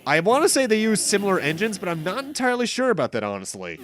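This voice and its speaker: This let's play host talks fast in a high, sing-song voice with a fairly bright tone. With game music behind him, he rambles casually through his playthrough, explaining as he goes and fixing his own slips.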